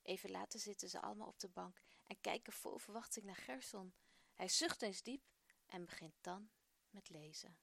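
A woman presenting a children's radio program, telling a story in a lively, expressive way. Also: mid-range voice, moderate pace, gravelly, no echo.

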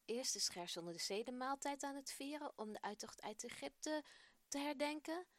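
A woman storyteller reading a children's Bible story aloud in a gentle, expressive voice. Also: sits high, normal speed, no echo.

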